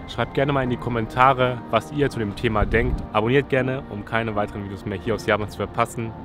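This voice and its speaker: A young man from Germany talking casually to a handheld camera outdoors in a relaxed, chatty way. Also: mid-range voice, brisk, over music. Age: young adult. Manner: relaxed, chatty, thinking aloud. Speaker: YouTuber. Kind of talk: casual vlog talk to camera. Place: outdoors by a city riverside railing. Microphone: selfie camera at arm's length.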